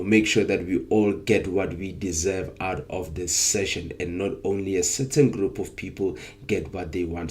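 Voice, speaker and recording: A young man hosts a live trading stream, and a bout of flu makes his low, darkish voice less clear. Still upbeat, he hypes up his viewers, dropping plenty of ums along the way.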